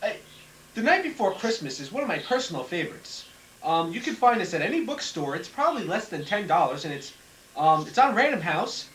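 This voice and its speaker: A man reading a Christmas poem aloud at home in a lively storytelling way, with chatty asides, heard on an old home VHS tape recording. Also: sits high, a little fast. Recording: echoey room, far from the camera mic, faint hiss.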